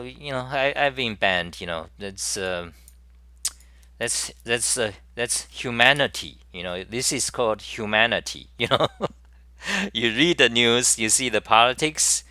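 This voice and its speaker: A man's voice: mid-range voice, bright, forceful tone, smooth, no room sound. A man hosting his own casual live-stream talk show, speaking in a rambling way with many fillers and restarts. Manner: reads viewer chat messages aloud.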